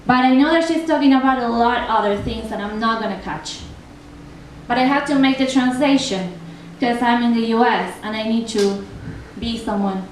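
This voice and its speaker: A young Argentine woman with a fairly high voice speaks at a moderate pace in a thick Argentinian Spanish accent, her native tongue. She chats casually on a translation panel at a festival event room and reads a poem aloud, with lots of ums and restarts. The recording sounds distant and echoey, with faint noise.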